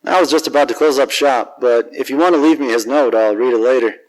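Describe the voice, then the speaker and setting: A man's voice: medium pitch, quick pace, close to an everyday voice, low-quality recording. Man playing Scrooge, a cynical hardboiled private eye. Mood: wry. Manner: wisecracking, slangy, world-weary. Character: cynical, grumpy, hard-drinking private detective. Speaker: actor narrating as lead detective. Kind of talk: hardboiled 1940s radio detective narration.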